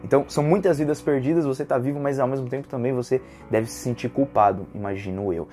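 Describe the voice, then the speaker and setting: Brazilian male host, casual review, swings into excited bursts, faint music underneath, mid-pitched voice. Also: quick pace. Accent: Brazilian Portuguese. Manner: animated, emotional retelling with slangy fillers. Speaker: manga reviewer, channel host.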